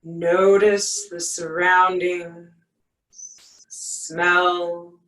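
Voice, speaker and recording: A meditation guide speaking in a soothing yoga-teacher manner, leaving long pauses between short, gentle phrases. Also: mid-range voice, level tone. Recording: echoey room, distant from mic.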